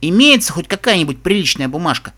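A man reading an audiobook, voicing a sharp-tongued young unicorn mare who mocks and teases. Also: sits high, big pitch swings, fast, full character voice. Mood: explaining. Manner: sarcastic, mocking.

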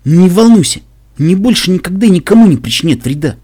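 A bold male pegasus guard who talks in a hearty, reassuring way, as a male reader puts him on. The voice is husky and pushed up into a brighter, louder register. It comes from an audiobook of a pony adventure. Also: high-pitched, expressive, fast talker, no room sound, studio quality, voice pushed up. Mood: grim. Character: male cyber pegasus, brave cheerful caravan guard.

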